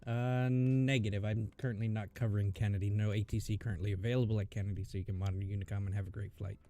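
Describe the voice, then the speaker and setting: A man working as a streaming air traffic controller, moving between measured procedural calls and casual chat. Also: lowish voice, flat delivery, warm tone.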